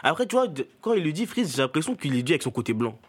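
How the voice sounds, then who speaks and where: Man, casual radio chat, lively rising and falling voice, quick speech, self-mocking. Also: on the high side, slightly rough.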